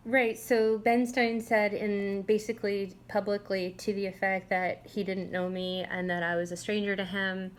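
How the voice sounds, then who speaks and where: A woman's voice: medium pitch, little pitch movement, normal speed, few pauses. A woman from the United States giving an informal personal account, questioning and aggrieved. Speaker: narrator recounting own police case. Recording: clearly noisy home-style recording.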